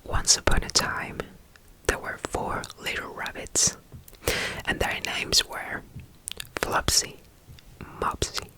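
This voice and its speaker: An ASMR roleplayer whispering softly and soothingly as a caretaker, repeating gentle phrases and reading a bedtime story aloud. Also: takes it slowly, rough recording.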